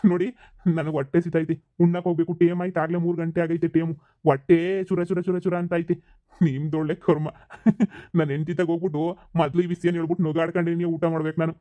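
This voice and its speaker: A man's voice: fairly high pitch, flat delivery, quick pace, mellow, no room sound, natural voice. A man playing a bewildered, scolding village father who has forgotten his family, in a comedy skit. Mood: puzzled, scolding. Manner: scolding, incredulous, rambling.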